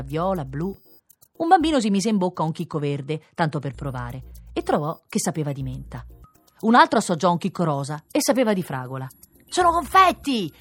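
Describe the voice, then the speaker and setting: A woman's voice: lowish voice, no echo. A woman reading children's stories aloud on radio, playful and sing-song. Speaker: storyteller.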